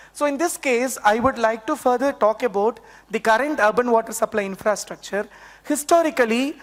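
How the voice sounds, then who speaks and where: A woman's voice: on the high side, in a large hall. A young woman with an Indian accent presents at a conference, her voice affected by a sore, swollen throat. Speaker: PhD researcher presenting a paper.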